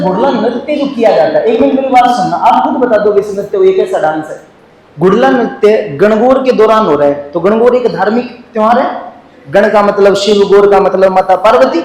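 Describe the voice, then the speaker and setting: A man teaching a class in a lively, joking way, firing questions at the students and answering them himself. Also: high voice, echoey room, slight background noise, low-quality recording.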